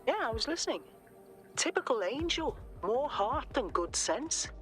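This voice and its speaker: A woman's voice: on the high side, big pitch swings, moderate pace. Female game informant: wry, teasing, unflappable, faint music underneath. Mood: wry, concerned.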